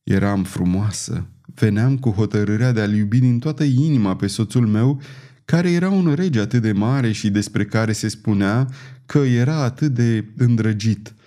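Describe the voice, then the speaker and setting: A man reading an audiobook, voicing an aging, bitter, scheming queen mother in a grave, measured manner. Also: lowish voice, warm tone, close to an everyday voice.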